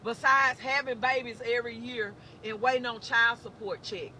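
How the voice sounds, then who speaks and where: A man's voice: very high voice, fairly even intonation, moderate pace, sharp tone, slight background noise. A man in a played clip, delivering a preachy, slangy rant that scolds the listener directly. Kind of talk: preachy street-talk rant.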